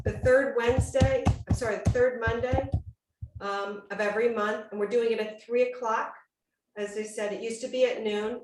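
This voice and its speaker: A woman hosting an online cooking class, talking in a casual, chatty, exclamatory way over a video call. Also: fairly high pitch. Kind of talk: casual livestreamed cooking demonstration chat. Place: indoors at home, on a video call. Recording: roomy, distant-mic video-call sound.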